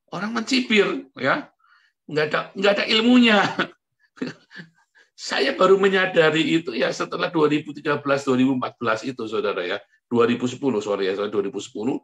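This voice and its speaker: Man preaching in a chatty, colloquial way. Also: medium pitch. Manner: colloquial, chatty preaching, keeps addressing the congregation; swings from quiet asides to sudden loud outbursts. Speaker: pastor. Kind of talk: sermon.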